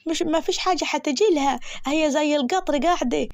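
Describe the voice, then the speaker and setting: A woman's voice: sits high, fast talker, darkish tone, no room sound, voice pushed up. A woman with an Egyptian accent voicing a naive, lovestruck village girl who pleads and whines. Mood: pleading. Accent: Egyptian Arabic.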